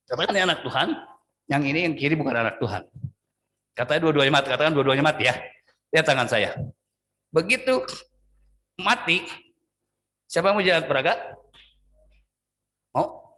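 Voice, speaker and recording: Preaching animatedly, an Indonesian-accented pastor shifts suddenly in pitch and draws out his words. His sermon alternates loud, emphatic lines with softer, lengthened phrases.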